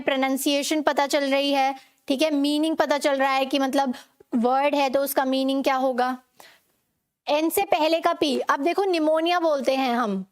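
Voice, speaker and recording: A young Indian woman teaches English pronunciation in a high, bright voice. She moves between Hindi and English, asks the class a question and answers it herself. She says each example word more than once. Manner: questions and repeats for learners, mixes Hindi and English. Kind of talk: online classroom lesson.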